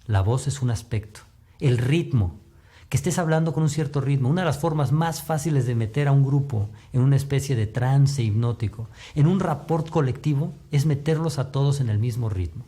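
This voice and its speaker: A man giving a recorded lecture on communication, explaining patiently and shifting his pitch up and down to demonstrate. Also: normal speed, warm tone. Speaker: communication instructor.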